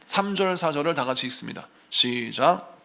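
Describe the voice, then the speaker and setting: A middle-aged male pastor preaching a lively sermon in a church, acting out anxious voices as he goes. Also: fairly high pitch, normal speed, creaky, a little hiss or hum. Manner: animated, acts out voices of worried believers. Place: church sanctuary.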